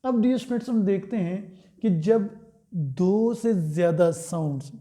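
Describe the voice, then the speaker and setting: A man teaching English grammar in Hindi, pronouncing example words slowly and putting questions to his students that he answers himself. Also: high-pitched, mellow. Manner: slow, drawn-out words, asks and answers his own questions. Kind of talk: Hindi-language grammar lesson.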